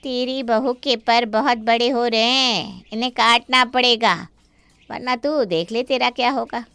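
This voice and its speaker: A bright, meddling gossipy aunt. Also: female voice, on the high side, steady tone, a little slow, clear, resonant tone, no room sound. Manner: nosy, stirring up trouble. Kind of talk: animated story voice acting.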